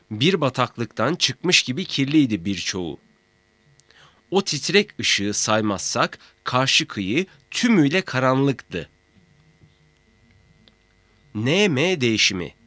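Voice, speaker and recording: Slow, deliberate male grammar teacher. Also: medium pitch, a bit bright, no echo. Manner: slow, deliberate, reads example words in pairs. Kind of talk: scripted lesson reading.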